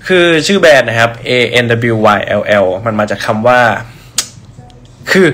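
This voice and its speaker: A man's voice: mid-range voice, lively intonation, unhurried, a bit bright. A young man chatting on a livestream about his brand, rambling with restarts and answering viewers' comments. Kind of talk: casual livestream chat.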